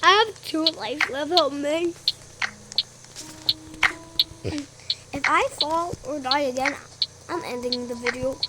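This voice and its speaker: A young girl with a squeaky chipmunk-like voice giving excitable, slangy, casual gameplay commentary. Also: a little slow, very noisy. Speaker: gamer recording gameplay. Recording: loud music over the voice. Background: loud music.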